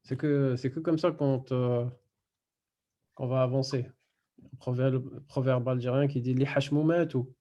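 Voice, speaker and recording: A man teaching a Quran recitation class online, patiently explaining step by step and repeating words slowly. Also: mid-range voice, steady tone, mellow, muffled recording.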